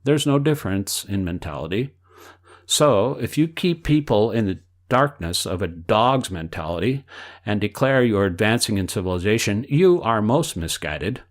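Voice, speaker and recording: A man reading aloud the answers of an elderly male spiritual teacher, in a measured way that speaks the quote marks aloud. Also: fairly low pitch, animated, natural voice. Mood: explaining.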